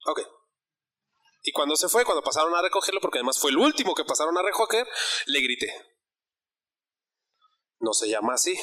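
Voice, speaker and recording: A man's voice: on the high side, sing-song, fairly quick, pauses often, bright, forceful tone. A man preaching a sermon, telling a personal story in a conversational way and asking the congregation questions.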